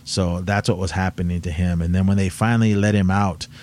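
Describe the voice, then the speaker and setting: A man with a somewhat low voice co-hosts a casual chat. He retells events in a rambling, halting way, full of restarts and fillers. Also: fairly even intonation, darkish tone.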